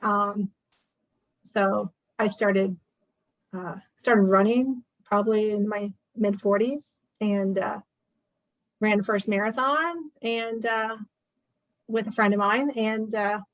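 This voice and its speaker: 50s lady chatting in an interview, rambly with lots of ums, mid pitch, dead dry room. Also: takes it slowly, long pauses, no room sound, rough recording. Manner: chatty, with many fillers and restarts. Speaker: guest. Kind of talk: casual interview chat.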